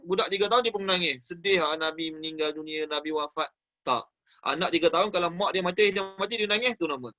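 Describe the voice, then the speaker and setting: A man teaching a Quran study class in a Malaysian Malay accent. He talks in an animated way, builds on everyday examples and puts questions to his audience. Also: high voice, lo-fi sound. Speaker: religious teacher.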